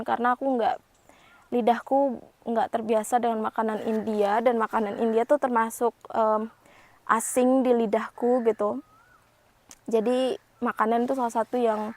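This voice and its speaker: A woman's voice: fairly high pitch, a little mellow, no room sound. Chatty young woman vlogger, dry sound. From Indonesia. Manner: chatty, frequent fillers and "gitu ya". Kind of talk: casual chat to camera. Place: home.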